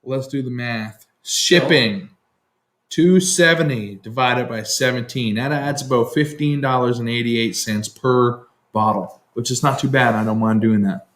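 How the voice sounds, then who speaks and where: A man co-hosting a casual chat, blunt and quick to swear. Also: mid-range voice, a bit bright, echoey room. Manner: blunt and profane. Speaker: co-host.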